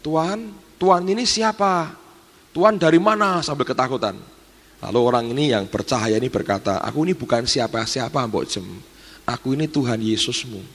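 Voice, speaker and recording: A man's voice: medium pitch, bright, forceful tone. Male pastor preaching in an echoing hall. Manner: vivid storytelling, addresses the congregation often. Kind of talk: sermon. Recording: long reverb of a church hall.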